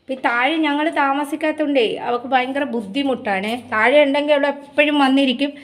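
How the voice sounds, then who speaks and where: A woman chatting casually to her viewers about her home chores, often cooing to her pet dog in a high sing-song voice. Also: quick pace. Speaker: vlogger. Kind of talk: casual home vlog chat.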